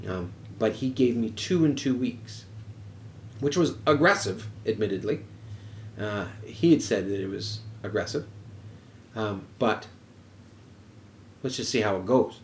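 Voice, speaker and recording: A man's voice: fairly low pitch, expressive, a little slow, long pauses. A man telling a personal story in a casual way, frank and swearing freely. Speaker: podcast host. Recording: roomy echo, faint background noise.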